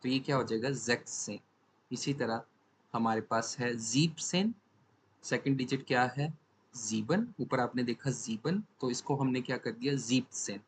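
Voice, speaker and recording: A man's voice: mid-range voice, moderate pace, a little hiss or hum, rough recording. A man teaching a language lesson from slides. He asks a question, then answers it, and repeats each word twice.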